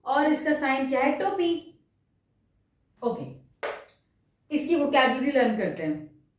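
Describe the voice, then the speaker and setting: Woman teacher, high voice, slow and chatty, recorded far off in a very echoey room. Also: very animated, a little hiss or hum. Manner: chatty, asks the class questions. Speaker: French teacher. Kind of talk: classroom lesson.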